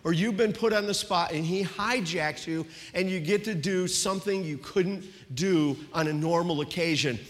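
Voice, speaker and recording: A male pastor delivers a storytelling sermon, his voice sitting a little high for a man. He sinks to a hushed tone for the personal moments. The sound carries a long reverb, as in a church hall. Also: normal speed, hardly any pauses.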